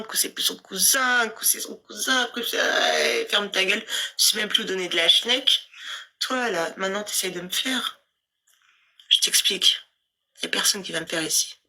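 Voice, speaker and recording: A woman's voice: mid-range voice, sharp tone. A woman livestreaming from her phone, ranting at rivals in a boastful, taunting way. She keeps repeating "you understand?" and drops into scornful mutters and whispers.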